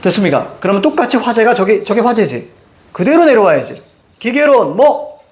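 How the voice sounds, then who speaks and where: A middle-aged man teaching a reading lesson, emphatic and constantly quizzing his students with quick check-in questions. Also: high voice, very animated.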